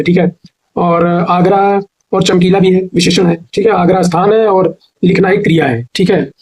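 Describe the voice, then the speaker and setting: A male teacher with a North Indian Hindi accent giving an exam-prep grammar lesson, asking questions and answering them himself, slowly spelling words out syllable by syllable. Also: sits high, slightly rough, low-quality recording. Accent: Hindi-speaking North India.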